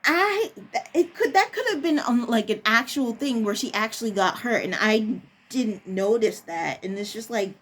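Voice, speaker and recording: A woman who works as a preschool teacher, telling a personal story in a casual, halting way as she searches for words. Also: fairly high pitch, expressive.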